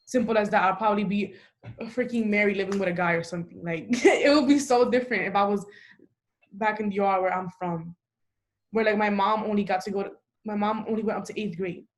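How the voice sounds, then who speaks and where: A woman's voice: medium pitch, a little fast. A young woman from the Dominican Republic, talking casually on a podcast, emphatic and full of "like" fillers. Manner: talkative, frequent "like" fillers, emphatic. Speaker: podcast host.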